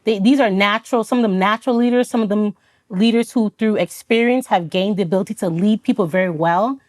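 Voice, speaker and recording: Her voice has a darkish tone at medium pitch, moving a little fast. She is a Florida-based Army officer, originally a Haitian Creole speaker, guesting on a podcast to tell her personal story thoughtfully and sincerely, quoting dialogue as she retells events and laughing often.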